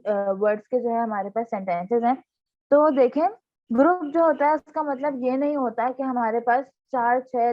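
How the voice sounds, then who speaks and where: A woman teacher giving a grammar lesson, explaining step by step, checking in often and reading example sentences slowly. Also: on the high side, muffled recording. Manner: reads English examples slowly and deliberately. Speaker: English teacher.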